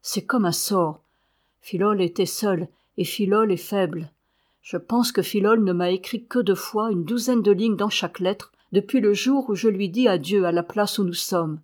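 A grim one-armed young sergeant, brooding and foreboding, voiced by a woman reading a novel. He speaks slowly and measuredly. The voice sits at a middling pitch. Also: darkish tone, natural voice. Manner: slow, measured.

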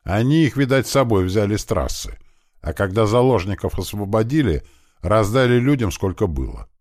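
A man's voice: fairly low pitch, lively intonation, moderate pace, a little mellow, no room sound. A man narrating a first-person audiobook with a tense, vivid storytelling manner on a close studio mic.

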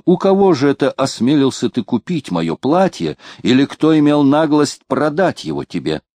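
Man doing an angry, threatening captain, loud and raised. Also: fairly high pitch, big pitch swings, moderate pace, no echo, voice pushed up. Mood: furious. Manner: barking threats. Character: hot-tempered male sea captain, threatening.

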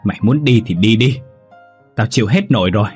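Một người đàn ông giọng khàn, giọng miền Nam, lồng tiếng một bà mẹ già khổ cực đang giận dữ quát mắng. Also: male voice, expressive, a little fast, breathy edge, faint music behind. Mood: scolding. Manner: scolding, shrill outbursts. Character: angry worn-out old mother, shrill and wailing.

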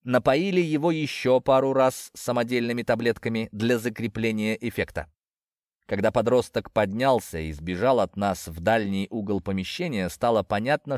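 A man narrating an audiobook in the first person, in a lively, sardonic way. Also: on the low side, no room sound, clean studio sound.

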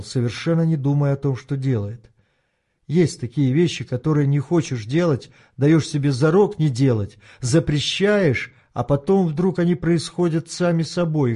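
Man, audiobook narrator, somewhat high voice, steady dramatic reading. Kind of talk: scripted narration.

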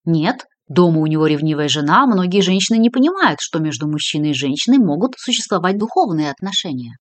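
A woman's voice: on the low side, very animated, fast talker, no echo. A woman reading an audiobook, voicing a theatrical, evasive woman witness who panics easily. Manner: theatrical, pleading.

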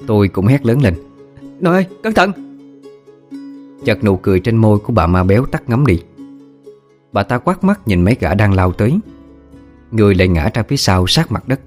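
A man tells a spooky tale as an audiobook, keeping his storytelling calm and even. His voice sits very low. Faint music plays behind him. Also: a little fast. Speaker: audiobook narrator. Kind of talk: storytelling narration doing all voices.

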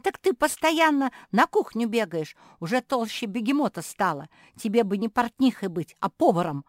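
Storybook: a bratty young pug girl, high and squealy, read by a woman. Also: big pitch swings, normal speed, no echo, clean studio sound. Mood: cheeky, shrill. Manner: cheeky and shrill.

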